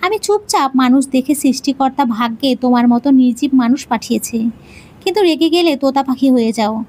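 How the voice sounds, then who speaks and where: A woman's voice: high voice, lively intonation, brisk. A woman voicing an affectionate young husband who jokes and teases his wife. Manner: gently teasing.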